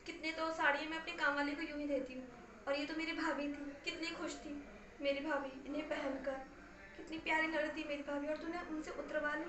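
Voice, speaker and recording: A woman playing a reproachful daughter, high voice. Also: flat delivery, a little fast, reverberant, background noise, lightly acted. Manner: reproachful, emphatic, repeating herself. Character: angry married daughter scolding her mother. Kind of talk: acted family story.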